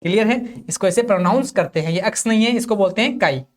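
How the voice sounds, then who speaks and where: A man from India teaching a physics class for an exam. He asks questions and answers them himself, keeps checking whether it is clear, and reads definitions out slowly. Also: sits high. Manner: reads English definitions slowly, explains in Hindi. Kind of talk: classroom lecture for exam prep.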